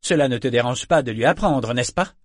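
A man voicing a cold, controlling male pirate captain with a smooth, threatening manner. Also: mid-range voice, a little fast, dry recording, studio quality, lightly acted. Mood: commanding.

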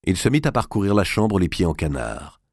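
A man reading a historical novel aloud as narrator, in a measured, dramatic storytelling manner. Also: low voice, sing-song, slightly rough, dry recording, studio quality.

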